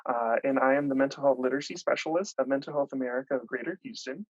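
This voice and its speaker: A man hosting an online panel discussion, speaking with many pauses and filler sounds. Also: mid-range voice, no room sound. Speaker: panel host. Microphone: video call. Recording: dull lo-fi video call audio.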